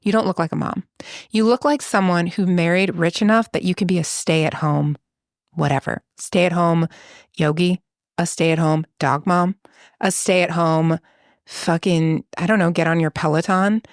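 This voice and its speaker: A woman's voice: on the low side, fairly even intonation, measured pace, no echo, clean studio sound. A woman co-hosting a podcast in casual chat, playful and teasing, swearing freely. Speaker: podcast co-host.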